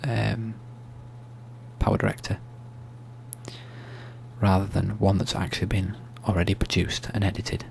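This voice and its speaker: A soft-spoken man giving an ASMR-style screen tutorial, explaining steps in a hushed, unhurried, informal way. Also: sits low, little pitch movement, gravelly. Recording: faint hum and background noise.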